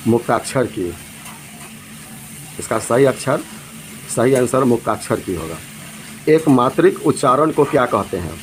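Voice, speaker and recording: A man leads a quiz lesson, reading out each question and its options at an unhurried, deliberate pace, then giving the answer. His voice sits at a middling pitch. A faint background noise runs under the recording. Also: animated, low-quality recording. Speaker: teacher.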